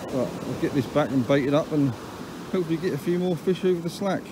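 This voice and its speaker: A chatty English angler on a windy beach gives a casual running commentary to camera while filming his fishing trip on a handheld phone. His voice is a little high and quick, his manner down-to-earth and matter-of-fact with dry grumbles, and the outdoor phone audio carries surf, wind, and wave noise.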